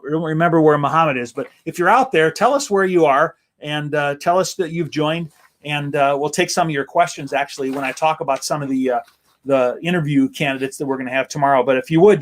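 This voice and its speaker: Upbeat American man hosting outdoors, higher-pitched. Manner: upbeat, enthusiastic. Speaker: host. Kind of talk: casual live-stream chat. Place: outdoors in a backyard.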